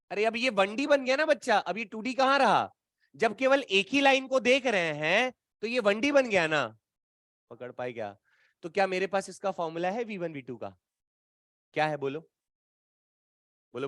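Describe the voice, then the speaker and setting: High-voiced playful male physics teacher. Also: animated, moderate pace, a bit bright, dry recording, studio quality. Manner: playful teasing, colloquial asides to students. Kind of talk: classroom lecture at a whiteboard.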